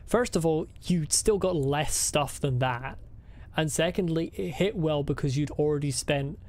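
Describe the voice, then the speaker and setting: A woman's voice: deep voice, darkish tone. A woman giving casual video game playthrough commentary in a blunt, incredulous manner, often repeating phrases for emphasis.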